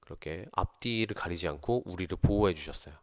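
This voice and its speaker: A man who teaches, telling a story from his school days and acting out the voices of the people in it. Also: brisk. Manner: acts out quoted voices with big pitch jumps. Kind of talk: storytelling monologue.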